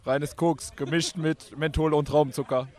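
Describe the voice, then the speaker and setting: Man, high voice, playful wisecracks, street chat. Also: fairly even intonation, normal speed, darkish tone. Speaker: festival-goer, bass player.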